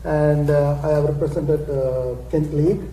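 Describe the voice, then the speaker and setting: A man, speaking plainly and haltingly at a press conference and clearing his throat often. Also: fairly high pitch, fairly even intonation, dark tone. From Sri Lanka. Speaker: senior cricketer. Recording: echoey room with faint background noise.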